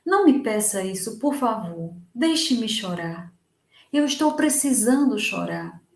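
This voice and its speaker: A tearful, gentle male medium speaks softly and pleads, as a woman lecturer voices him. The delivery is slow and heavy. The recording has a room echo. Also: medium pitch, very animated, creaky. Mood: sad pleading.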